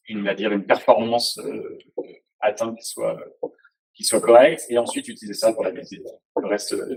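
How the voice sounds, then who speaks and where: A man's voice: medium pitch, a little mellow, low-quality recording. A man giving a casual technical presentation, hesitant, with many fillers and restarts. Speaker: presenter at a tech talk.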